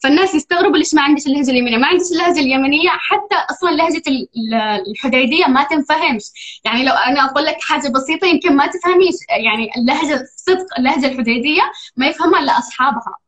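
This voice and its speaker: A woman's voice: high voice, rapid-fire, fairly bright tone. A Yemeni woman with a Saudi-tinged Arabic accent, talking casually with lots of fillers on a livestream. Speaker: livestream guest. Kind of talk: casual chat. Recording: lo-fi livestream audio.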